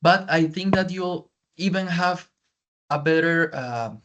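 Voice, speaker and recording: The recording is lo-fi, carrying a man's slow, fairly bright voice on the high side. He teaches English with a strong Spanish accent, being a native speaker, and gives feedback over a video call, often repeating himself in Spanish.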